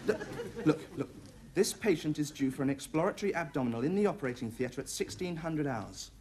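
A man's voice: a little high, lively intonation, brisk, a little mellow, natural voice. An actor playing a cheeky, exasperated airman working as a hospital orderly in a sitcom. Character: put-upon airman orderly, cheeky and flustered. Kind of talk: 1970s sitcom acting. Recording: noisy TV recording with audience laughter.

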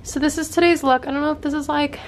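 In a small hotel room, a young adult woman vlogs casually about her day, holding the camera at arm's length. Her voice sits high with a steady tone, she talks fast and rambles with plenty of filler words, and there's slight background noise.

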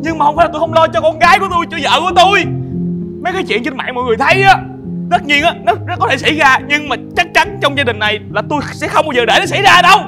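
Brief: male actor as a fast-talking, high-pitched exasperated father; comedy web drama. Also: lively intonation. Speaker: father defending himself to his family. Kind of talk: comic web drama acting. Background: background music.

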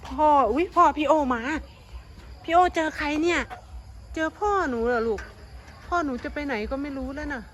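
A woman's voice: sits high, moderate pace, long pauses, a little hiss or hum. A middle-aged woman, talking playfully to her dogs in doting baby talk. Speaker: pet owner. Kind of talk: casual vlog talk to pets.

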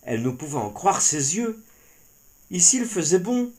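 A man narrating a children's animal tale in an expressive storytelling style. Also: sits high, normal speed.

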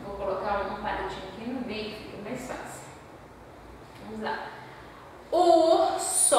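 Slow, syllable-spelling preschool teacher woman. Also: on the high side, fairly bright tone, slight background noise. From Brazil. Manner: slow, sounds out syllables and letters one by one. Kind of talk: remote class for young children. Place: classroom. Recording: echoey room, voice from a distance.

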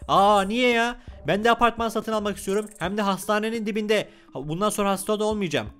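A man giving playful gameplay commentary as a gaming YouTuber, excitable and playfully whiny. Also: sits high, quick pace.

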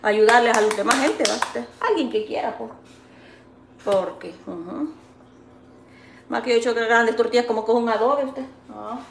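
A woman's voice: fairly high pitch, moderate pace, gravelly, pauses often. A woman with a Salvadoran accent chatting casually on her vlog, reading viewer comments and consoling them with fond pet names while she makes tortillas. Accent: Salvadoran Spanish. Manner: affectionate, calls viewers sweet pet names; consoling, folksy and talkative. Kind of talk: casual live-stream chat. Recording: echoey room with faint background noise.

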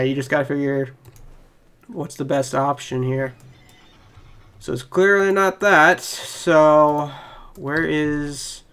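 A young man giving rambling, excitable live commentary on his own gameplay and talking to his viewers. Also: a little high, clear, resonant tone. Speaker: gaming channel host. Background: keyboard typing.

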